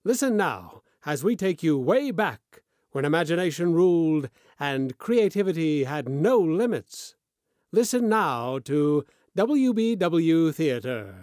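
A man's voice: a little high, very animated, slow pace, a little mellow, dry recording, clean studio sound. A man announcing in old-time radio style, introducing scripted programs in a grand, theatrical manner.

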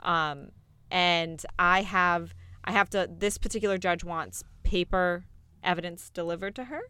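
A woman's voice: lowish voice, measured pace, bright, forceful tone, smooth, no room sound. A woman from Massachusetts, a family lawyer and podcast guest, talking in a confident, self-assured casual chat and laughing easily.

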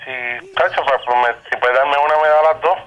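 A man's voice: mid-range voice, fairly even intonation, normal speed, a bit bright, smooth, highs cut off. A man on a radio prank call posing as a son, talking hesitantly and pleadingly with many fillers.

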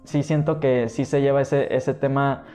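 A man with a Mexican accent, talking bluntly in casual slang, in a quick conversational way. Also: mid-range voice, level tone, mellow, soft background music.

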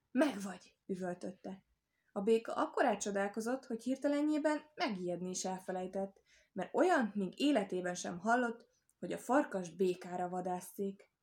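A woman reading a children's animal fable aloud in an even, clear storytelling manner. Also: medium pitch. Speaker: audiobook reader. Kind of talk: scripted storybook narration.

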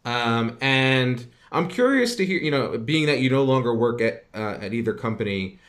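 A man's voice: medium pitch, lively intonation, moderate pace, a bit bright. A man hosting an interview, speaking hesitantly with lots of stammers and fillers. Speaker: interview host. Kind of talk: conversational interview.

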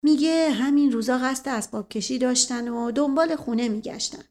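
A woman voicing a sly, joking middle-aged prince who talks in a soft, conspiratorial, teasing way. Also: high-pitched, gravelly.

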